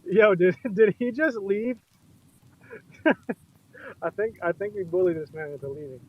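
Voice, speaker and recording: A man with a somewhat high voice talks in a loose, easygoing way and swears now and then. He is driving, and his voice comes through a muffled, dull Bluetooth headset mic. The sound is lo-fi and muffled, as if he were underwater. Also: expressive, unhurried. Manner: laid-back, loose, swears casually. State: driving in the rain. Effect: muffled car Bluetooth headset mic. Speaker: project founder on a live audio chat. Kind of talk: casual chat. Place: inside a car in the rain. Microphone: Bluetooth headset in a car.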